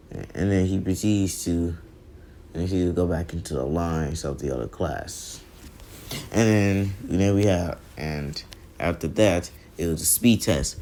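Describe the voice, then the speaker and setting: A man casually telling a fan story, rambling and halting with constant restarts and repeated words. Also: low voice, gravelly, warm tone, slight background noise.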